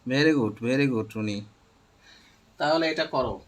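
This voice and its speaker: A middle-aged man teaching an online logic lesson, dictating symbols slowly and repeating each step. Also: mid-range voice, low-quality recording. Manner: slow, repetitive step-by-step dictation.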